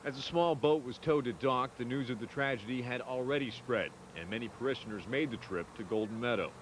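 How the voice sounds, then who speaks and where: A man's voice: mid-range voice, brisk, noisy background. A man narrating a scripted television news report.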